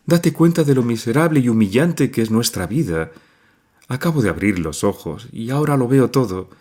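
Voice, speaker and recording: A man's voice: mid-range voice, animated, normal speed, mellow, pitched above the performer's own voice, close to an everyday voice. A man voicing a tearful, pleading young woman. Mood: desperate. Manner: tearful, imploring. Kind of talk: audiobook reading.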